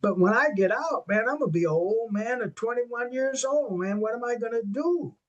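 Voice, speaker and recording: An older jazz saxophonist from western New York tells stories in an interview, his voice extremely high-pitched and his pace moderate. He's animated, acts out the quoted dialogue, and sprinkles in "man" throughout. The recording sounds muffled.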